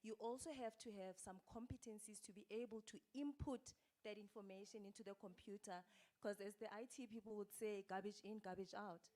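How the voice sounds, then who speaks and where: A woman speaks as a panelist, explaining at a measured pace with a few restarts. Her voice sits in an ordinary middle pitch. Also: fairly even intonation, mellow. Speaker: panelist from an accounting body. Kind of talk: panel discussion.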